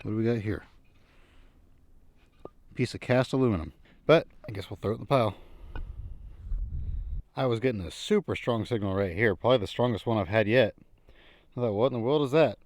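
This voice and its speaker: Outdoors in an old junkyard, a man narrates a casual treasure-hunting vlog in a folksy way, musing and thinking aloud as he goes. His mid-range voice runs a little fast, broken by long pauses.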